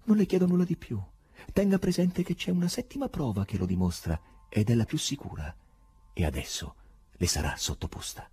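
A man voicing a strange foreign professor who is secretly the devil, with a husky, theatrical manner and sudden shrill outbursts. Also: a little fast, dark tone. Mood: mocking.

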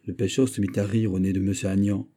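A man narrating a classic novel audiobook in a measured, even storytelling manner. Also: fairly low pitch. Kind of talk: scripted narration.

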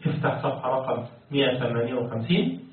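A man teaches a Quran commentary lesson. He keeps quizzing his students and chants the verses. His voice comes from far off in a booming echo through a thin, phone-like line. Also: racing. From Egypt. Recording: very echoey, distant, phone-like sound.

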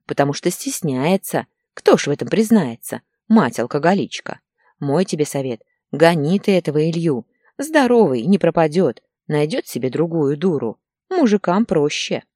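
A woman's voice: deep voice, sing-song, normal speed, warm tone, dry recording, studio quality. A woman voicing a bossy, scolding older mother. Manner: scolding, insistent.

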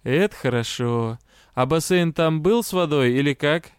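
A man's voice: fairly high pitch, normal speed, clean tone, no room sound, natural voice. A man voicing a sardonic male lord and master of death magic with a dry, mocking manner.

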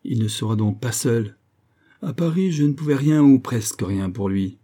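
A man's voice: medium pitch, lively intonation, normal speed, mellow, close to an everyday voice. A man reading the part of a firm, self-assured young colonel in an audiobook, speaking earnestly and persuasively.

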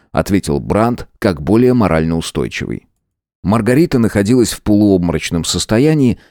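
Мужчина с очень низким голосом ровно и размеренно читает аудиокнигу. Запись сухая, без отзвука помещения. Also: male voice, deep voice, dry recording, studio quality. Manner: steady, measured reading. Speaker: audiobook narrator. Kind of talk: scripted narration.

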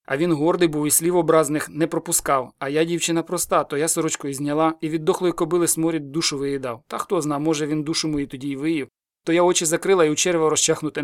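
A man's voice: on the high side, no echo, studio quality, natural voice. A man reading the part of an old village witch woman, who rambles on in a breathless, muttering, incantatory flow.

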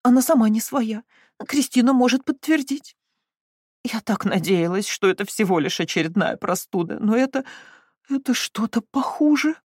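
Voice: mid-range voice, lively intonation, normal speed, slightly rough, no echo, clean studio sound, voice pushed up. A reader voicing a tearful, fussy middle-aged mother who moans and laments in an audiobook. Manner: whimpering, lamenting. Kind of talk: audiobook reading.

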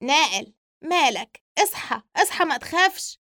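A woman's voice: on the high side, a little fast, a bit bright, dry recording, studio quality, natural voice. A woman voicing a reassuring Egyptian young man. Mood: soothing urgent. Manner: soothing, reassuring, urgent. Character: loyal young man comforting his friend.

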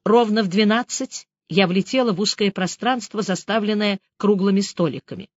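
A woman narrating a story in the first person, reading in a lively, expressive way. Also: mid-range voice, moderate pace, dry recording. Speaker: audiobook narrator. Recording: dry, slightly dull audiobook recording.

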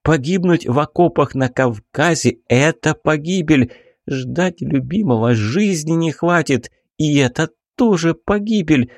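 A man reading an audiobook, voicing a headstrong, passionate young baroness with imperious, drawn-out exclamations. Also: a little high, dry recording, clean studio sound, voice pushed up.

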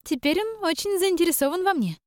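A sly young sister, all sugar and spite, sings her words in a high, bright, mocking voice, as a woman reading a storybook puts her on. Her sweetness is plainly fake and every phrase lilts with a sneer. The audiobook sound is close and dry. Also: expressive, brisk, no echo. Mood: gloating. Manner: sing-song, sugary and mocking.

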